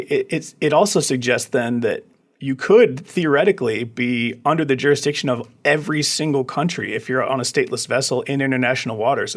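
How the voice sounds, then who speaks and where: A man's voice: mid-range voice, a bit bright. A man, an attorney guest on a legal podcast, explaining a case in a casual, musing way with frequent restarts.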